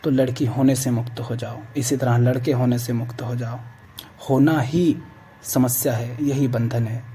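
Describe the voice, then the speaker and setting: A man giving a calm, measured spiritual discourse, urging listeners again and again to let go. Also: mid-range voice, a little hiss or hum. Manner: calm, measured preaching with repeated exhortations. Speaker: spiritual speaker.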